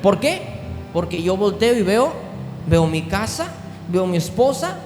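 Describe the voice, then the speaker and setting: A pastor preaching a sermon, moving from low, intimate tones up to shouted climaxes. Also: male voice, sing-song, measured pace. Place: large church hall. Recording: echoey hall with music behind.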